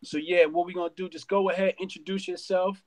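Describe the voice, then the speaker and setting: A man in his thirties hosting a live stream debate, talking in a relaxed, slangy, chatty way. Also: high voice, fast. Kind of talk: casual live stream chat.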